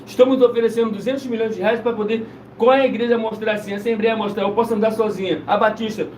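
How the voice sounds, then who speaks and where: Brief: a man with a very high voice, preaching on a live stream, loose and insistent, picked up far from the mic. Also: steady tone, fast talker, a little mellow. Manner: loose, insistent, repeats himself. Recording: roomy, distant mic, faint noise.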